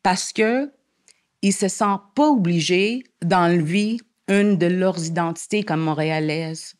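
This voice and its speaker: A woman's voice: lowish voice, measured pace. Earnest woman guest making her case. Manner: earnest, argumentative, many restarts. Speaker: guest columnist. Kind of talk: podcast interview conversation.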